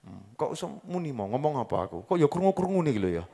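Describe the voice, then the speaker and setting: A man's voice: on the high side, big pitch swings, quick pace, mellow, slightly rough, big-room sound. A man with a Javanese accent preaching a sermon, joking and quizzing his audience as he goes. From Java, Indonesia. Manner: jokey, asks the crowd questions, mixes in local dialect.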